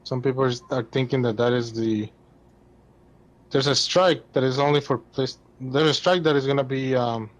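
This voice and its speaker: A man's voice: medium pitch, fairly even intonation, moderate pace. Man rambling through game lore. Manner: rambling, explaining game lore with many fillers. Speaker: podcast co-host. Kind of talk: casual gaming chat.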